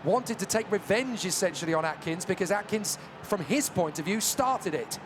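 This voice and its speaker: Brief: male motorsport commentator, fairly high voice, animated live race calls over very loud engine and track noise. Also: moderate pace. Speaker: motorsport commentator, lead caller.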